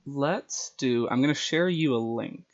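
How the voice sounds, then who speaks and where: A man streams online, narrating his own stories and chatting casually with viewers. He has a medium-pitched voice and an unhurried pace, and the audio sounds dull.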